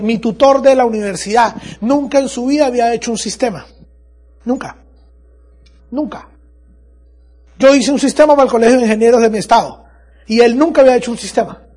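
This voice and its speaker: Male motivational speaker, high voice, husky, emphatic repeater. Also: fairly quick. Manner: emphatic, repeats phrases, addresses audience. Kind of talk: motivational business talk.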